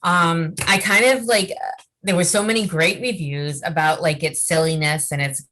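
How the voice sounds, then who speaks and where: A woman with a fairly low but bright voice talks about a movie in a casual chat. She is animated and giggly, often restarting sentences and using "like" as filler. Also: moderate pace. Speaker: co-host.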